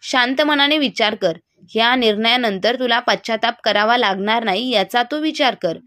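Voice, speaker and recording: Woman voicing a calm, firm mother. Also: fairly high pitch, moderate pace, no room sound, studio quality, close to an everyday voice. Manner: soothing but firm. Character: protective middle-aged mother, calm and firm.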